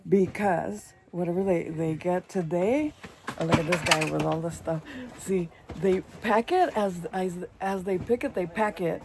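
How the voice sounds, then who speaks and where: A woman's voice: on the low side, a little slow, noisy background. A woman, chatting and rambling as she vlogs outdoors in strawberry fields on a handheld phone. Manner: chatty, rambling, switches into Spanish. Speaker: vlogger. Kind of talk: casual vlog narration.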